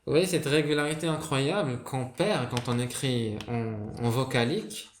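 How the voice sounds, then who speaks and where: A man's voice: medium pitch, normal speed, a little hiss or hum. Hesitant man teaching, roomy echo. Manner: hesitant, many fillers and restarts. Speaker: video creator explaining a writing system. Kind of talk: casual spoken lesson.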